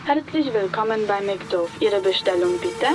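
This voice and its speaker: A woman's voice: medium pitch, lively intonation, moderate pace, music in the background. Woman greeting over a drive-thru speaker. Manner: polite, formulaic greeting. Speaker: drive-thru order taker.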